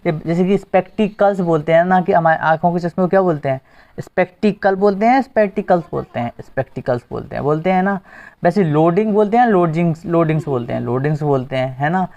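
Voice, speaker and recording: A man's voice: fairly high pitch, fast talker, darkish tone. A male teacher giving an exam-prep grammar lesson, asking the class questions and repeating the answers. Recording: dull lo-fi recording.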